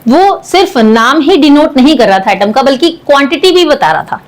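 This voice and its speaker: A woman's voice: high-pitched, expressive, normal speed. A woman, a science teacher explaining a lesson step by step and calling her students beta. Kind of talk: classroom lecture.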